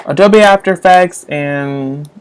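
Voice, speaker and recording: A man's voice: a little high, slow, a little hiss or hum. A young man hosting a casual live stream, chatting with viewers while getting frustrated with his tablet and phone. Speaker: livestream host.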